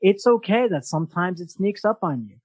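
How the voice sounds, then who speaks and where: A man hosting a podcast, giving an energetic motivational talk and often restarting his sentences. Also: high-pitched, brisk, husky, no room sound, low-quality recording. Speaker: podcast host.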